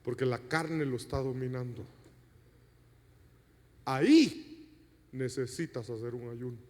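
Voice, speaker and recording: A pastor delivering an emphatic sermon, addressing the congregation directly and asking them rhetorical questions. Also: male voice, medium pitch, animated, slow pace, darkish tone. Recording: long reverb of a church hall.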